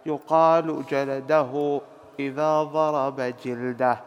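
Slow, clear-voiced man reading scripture commentary. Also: medium pitch, flat delivery, in a large hall. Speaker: student reading a text aloud to the teacher. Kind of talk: formal reading of a classical commentary.

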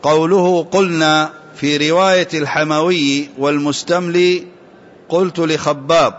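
Man, student reciting, formal steady reading, slightly high voice, muffled lo-fi audio. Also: unhurried. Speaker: student reading aloud to a teacher. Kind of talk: reciting a classical text. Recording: dull lo-fi sound.

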